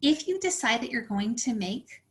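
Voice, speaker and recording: Woman walking through software steps. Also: on the high side, big pitch swings, moderate pace. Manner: friendly, practical, explains step by step with many "so"s. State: slightly out of breath. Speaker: teacher trainer presenting a workshop. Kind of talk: instructional webinar walkthrough.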